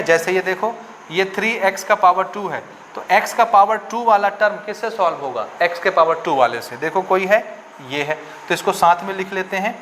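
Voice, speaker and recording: A man from India teaches a maths lesson in a fairly high voice. He walks through each step, repeats key rules and keeps asking his students questions. A faint background hum sits under the recording. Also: fairly bright tone. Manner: repetitive, questioning, checks understanding often. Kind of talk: classroom lesson explaining step by step.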